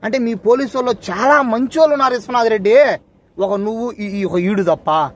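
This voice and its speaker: A man's voice: high-pitched, a little fast. A man, speaking for a wronged man and confronting an official with pointed, repeated questions. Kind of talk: impassioned address to a camera.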